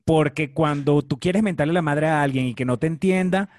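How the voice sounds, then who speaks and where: A man's voice: fairly high pitch, moderate pace, a little mellow, no echo, studio quality. A young man with a Venezuelan accent, co-hosting a casual chat with joking, teasing banter. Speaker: co-host.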